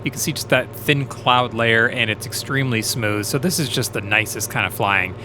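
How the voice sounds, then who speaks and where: A man who is a private pilot, narrating his flight vlog in a relaxed, explanatory way. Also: medium pitch, moderate pace, music in the background. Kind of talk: casual vlog voice-over narration.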